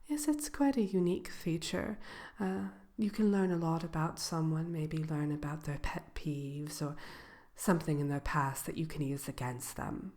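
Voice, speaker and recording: A woman playing a sly, genteel wicked witch shopkeeper in a soft, partly whispered ASMR roleplay, speaking with hesitant formality. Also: low-pitched. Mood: hushed, savoring. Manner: slow, hesitant drawl with genteel, formal wording. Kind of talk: ASMR roleplay, soft-spoken to one listener.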